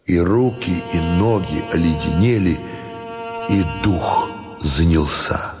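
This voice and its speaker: A man reading a classic novel aloud as audiobook narrator, slow and expressive. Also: deep voice, long reverb tail, over music. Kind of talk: scripted literary narration.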